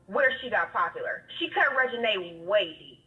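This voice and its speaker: A woman's voice: mid-range voice, lively intonation, moderate pace. A talkative woman calling in to a talk show over the phone, chatting casually in informal, slangy speech. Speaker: caller to an online talk show. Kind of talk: casual chat. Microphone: phone call. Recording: muffled, distant phone-call sound.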